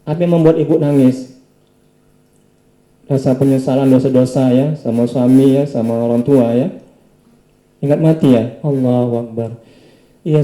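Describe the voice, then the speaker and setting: Male preacher, very dark mellow voice, soft tag-question probing, echoey room. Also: mid-range voice. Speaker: Islamic preacher. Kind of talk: questioning a patient after a healing session.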